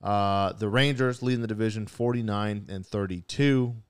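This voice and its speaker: A man's voice: fairly low pitch, clear, resonant tone, dry recording. Young man hosting a rowdy baseball podcast. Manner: fast, joking, profane trash talk. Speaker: podcast host. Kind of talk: casual sports podcast banter.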